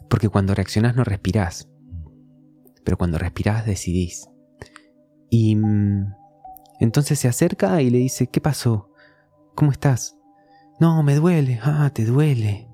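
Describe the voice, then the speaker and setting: Mellow-voiced Argentine man explaining calmly. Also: medium pitch. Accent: Rioplatense Spanish. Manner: reflective, explains with everyday examples. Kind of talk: casual conversation.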